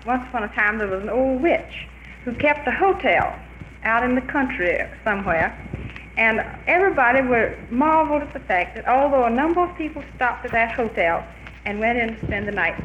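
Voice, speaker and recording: An older woman telling a folk tale at an unhurried pace, looping back over her phrases. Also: lively intonation, fairly bright tone. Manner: unhurried, repetitive folk telling with high sing-song chants. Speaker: storyteller. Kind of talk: folktale storytelling. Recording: dull archival field recording with faint hiss.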